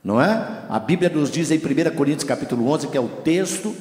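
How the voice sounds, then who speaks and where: Lively preaching pastor in echoey church. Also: male voice, a little high, brisk. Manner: storytelling with lively acted-out dialogue. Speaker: guest pastor. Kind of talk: sermon. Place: church hall.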